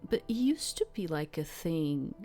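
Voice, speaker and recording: A woman's voice: deep voice, very animated, a little slow, dark tone, faint music behind. A woman streaming a mystery game, not a native English speaker, chatting in a rambling way and reading the narration. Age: adult, grew up before handkerchiefs went paper. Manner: rambling, lots of "like" fillers.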